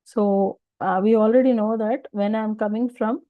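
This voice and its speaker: A woman's voice: medium pitch, fairly even intonation, normal speed, no echo, narrow, tinny audio. A woman with a South Indian accent teaching an informal technical lesson, explaining step by step and often asking questions that the speaker then answers. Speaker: data engineering instructor.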